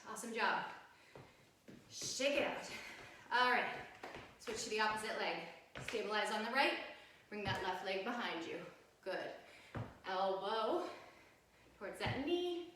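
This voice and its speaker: A woman's voice: a little high, bright, forceful tone. A woman aerobics instructor leading a home workout class, cueing moves and counting reps with encouragement. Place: sunny room at home, indoors. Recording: very echoey room, distant mic, faint noise.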